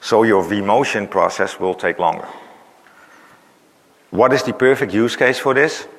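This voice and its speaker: A fairly low-pitched man speaks at a measured pace while presenting a technical conference talk. He is losing his voice and explains with many "uh"s and "right?" tags, and the recording carries the reverb of a large conference hall.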